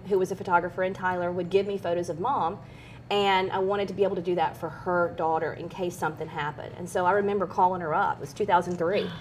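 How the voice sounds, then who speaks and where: A middle-aged woman speaking as an interview guest, telling personal stories in an earnest, candid, conversational way. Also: low-quality recording. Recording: clear background noise with low rumble.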